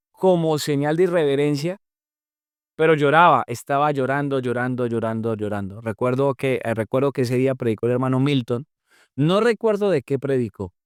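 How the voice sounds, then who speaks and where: Man, young adult, podcast testimony, emotional and earnest, smooth clear voice, dry close sound. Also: on the high side, a little mellow, no room sound. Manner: earnest, emotional retelling with drawn-out pauses. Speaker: podcast guest. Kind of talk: personal faith testimony storytelling.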